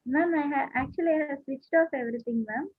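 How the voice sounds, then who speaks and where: High, husky woman on a tinny video call. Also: fast. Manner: hesitant, checking if she is heard. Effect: heard over a video call, with echo. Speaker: teacher in a school staff meeting. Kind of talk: polite meeting talk on a video call.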